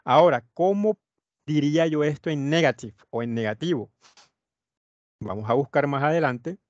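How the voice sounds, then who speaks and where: A man's voice: on the high side, darkish tone, dry recording, muffled recording. A man teaching English in an online class, explaining grammar step by step and repeating his points. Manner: explains slowly, repeating points with many "etcétera". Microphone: computer mic on a video call.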